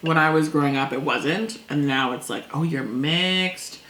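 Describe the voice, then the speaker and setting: A woman chatting casually over a meal, talkative and quick to laugh, acting out things people said. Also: sits low, fairly bright tone. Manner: chatty, laughs often, acts out past quotes. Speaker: co-host. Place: indoors at a table. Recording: echoey room, faint noise.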